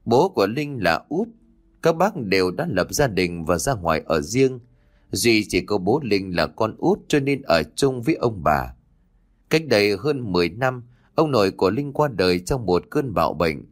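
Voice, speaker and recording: A man's voice: on the low side, sing-song, moderate pace. A man narrating a scripted horror story with dramatic storytelling.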